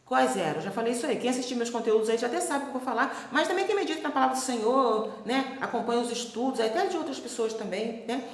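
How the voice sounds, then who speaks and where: A woman's voice: a little high, animated, fast talker, few pauses, roomy sound. A woman teaching the Bible in a chatty way, often checking that her listeners follow and acting out quoted voices. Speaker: preacher.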